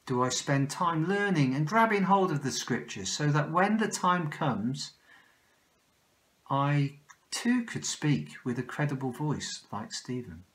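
Older male preacher, Welsh English accent, slow and sincere, self-correcting; home-recorded sermon, close phone mic. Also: on the high side, big pitch swings, a bit bright. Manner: slow, earnest, with frequent restarts. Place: small room at home, indoors. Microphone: phone or webcam close in front.

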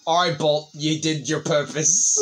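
A man's voice: on the high side, steady tone, a little slow, a bit bright, slight background noise, poor audio. A man chatting casually during a video game, smugly taunting the other players. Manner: taunting, smug. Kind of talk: casual chat while battling in a game.

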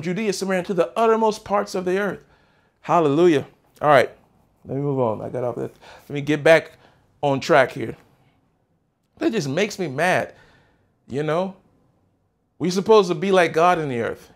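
A man preaching a sermon in a church sanctuary, his voice sitting on the high side for a man. He is fervent and exclaims, calling again and again for the congregation to respond. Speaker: pastor.

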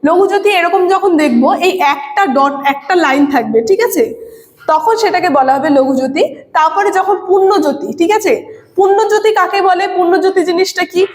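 Female teacher with a high voice, patient explainer, echoey classroom with long reverb. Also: a little fast. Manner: explains patiently, often adds tag questions. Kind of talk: classroom lecture.

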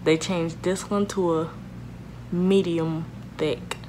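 A woman's voice: fairly low pitch, fairly even intonation, slow. A young woman chatting casually in a vlog while her lips are pulled apart by her fingers, rambling with many fillers. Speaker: vlogger. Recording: audible background noise. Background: background noise.

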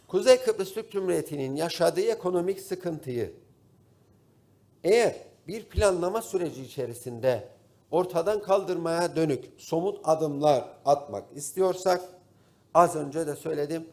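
Lively Turkish Cypriot man at a podium mic. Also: a little high. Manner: formal, addresses colleagues, pauses with drawn-out fillers. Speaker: member of parliament. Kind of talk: parliamentary speech. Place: parliament chamber. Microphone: podium microphone at the parliament rostrum.

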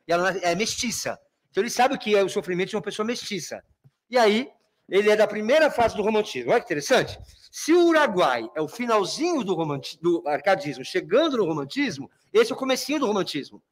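Brazilian man, literature teacher, high voice, review lecture, checks understanding often. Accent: Brazilian Portuguese. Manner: keeps checking understanding, addresses students fondly.

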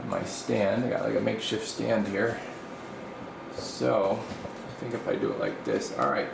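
Speaking a little slowly in a gravelly, fairly low voice, a man hosting a radio repair channel casually tours his small indoor workshop at the electronics bench, camera in hand. The handheld mic picks him up from behind the camera, with a roomy sound and constant air-conditioner-like noise.

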